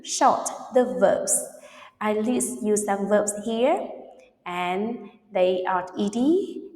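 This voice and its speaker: Female English teacher, very slow and deliberate delivery, repeats each example word, echoey room with a long reverb tail. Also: medium pitch, darkish tone. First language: Vietnamese. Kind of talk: online pronunciation lesson.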